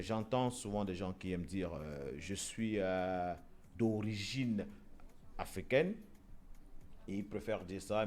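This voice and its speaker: A man's voice: low voice, a little mellow, slight background noise. A man hosting a casual discussion show, talking with frequent fillers, repeated words and restarts. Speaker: show host.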